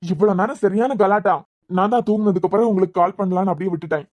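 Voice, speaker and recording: A woman voices an exasperated young man in a cartoon web series, talking fast and sarcastic with a Kanyakumari Tamil accent. Her mid-range voice sounds close and dry. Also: medium pitch, darkish tone, dry recording, close to an everyday voice. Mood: explaining. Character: exasperated young man, patient but fed up.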